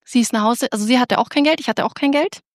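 A woman telling an audience a lively personal faith story, excitable and full of restarts. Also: a little high, fast talker, dry recording, studio quality. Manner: animated, excitable, with many restarts. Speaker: speaker giving a personal faith testimony.

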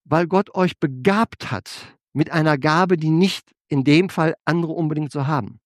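A man preaching a sermon, asking his congregation rhetorical questions and swinging between loud emphasis and quiet asides. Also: fairly high pitch, moderate pace, no echo, studio quality. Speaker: pastor.

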